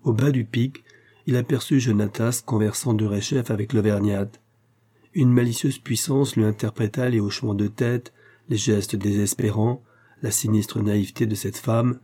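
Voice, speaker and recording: Husky low-voiced male narrator. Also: steady tone, normal speed, dark tone. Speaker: audiobook narrator. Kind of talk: scripted literary narration.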